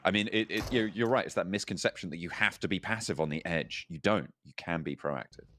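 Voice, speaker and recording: A man co-casting a live esports match, offering animated commentary and often repeating words as he thinks aloud. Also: sits low, fairly quick, no echo, clean studio sound.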